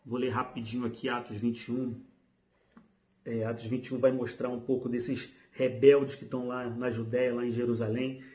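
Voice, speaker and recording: A man preaching a sermon, reading Bible passages aloud and then explaining them in relaxed, everyday speech. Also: mid-range voice, normal speed. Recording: roomy, echoey.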